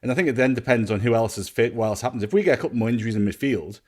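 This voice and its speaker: A man's voice: mid-range voice, very fast. A man talking casually about football as a podcast panellist. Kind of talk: casual football fan chat.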